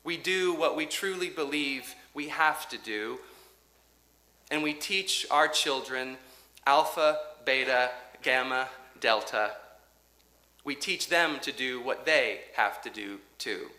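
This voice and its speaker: Slow, bright-voiced male preacher in echoey church. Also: medium pitch. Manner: measured, rhythmic preaching with dramatic pauses and quiet drops. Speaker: pastor. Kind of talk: sermon. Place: church sanctuary.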